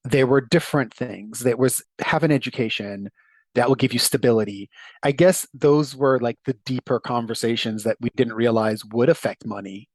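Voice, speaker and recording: This is an interview guest, a middle-aged Jamaican man, recounting his story at normal speed in a mid-range voice with no room sound. He comes across as warm and thoughtful, laughing readily and now and then starting a phrase over.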